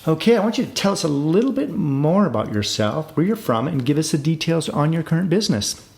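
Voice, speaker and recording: A man's voice: fairly high pitch, sing-song, fairly quick, gravelly, a little mellow. A man hosting an interview, reading a guest introduction and then asking structured questions. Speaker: host.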